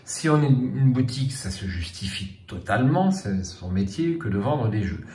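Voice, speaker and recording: A man's voice: mid-range voice, big pitch swings, normal speed, darkish tone, roomy sound. A man hosting a board game channel, talking casually to his viewers with many fillers and restarts.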